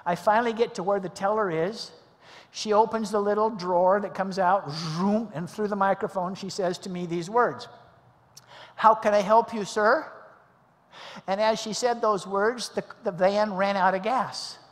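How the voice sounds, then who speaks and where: Man, middle-aged pastor, storytelling sermon, high voice, long hall reverb, animated dialogue. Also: moderate pace. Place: church sanctuary.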